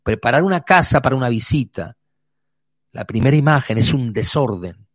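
A man preaching a sermon, vivid, moving between quick runs and slow emphatic words. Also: medium pitch, animated, husky, no room sound.

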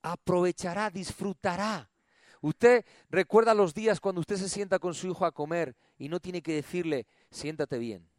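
Man preaching a sermon, high voice, dry close sound, has the crowd repeat after him. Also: moderate pace, no room sound. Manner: call-and-response, swings from loud to soft. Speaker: pastor.

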